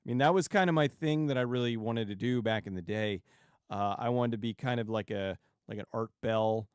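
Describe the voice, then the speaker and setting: A man hosting a livestream and chatting casually with viewers in a rambling, halting way, often restarting sentences and digressing. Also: fairly low pitch, darkish tone, clear, resonant tone, no echo, clean studio sound. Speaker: YouTube livestream host.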